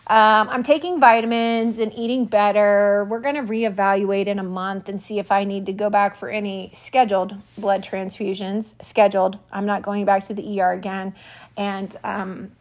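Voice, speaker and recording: A woman in her forties hosting a podcast, telling a personal story in a quick, animated, self-mocking way, a little out of breath. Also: mid-range voice. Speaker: podcast host. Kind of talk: personal monologue.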